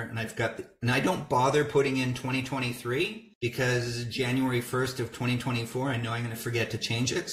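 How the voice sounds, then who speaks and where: A middle-aged man giving a casual walkthrough of photo software, talking through each step as he clicks. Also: mid-range voice. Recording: roomy echo.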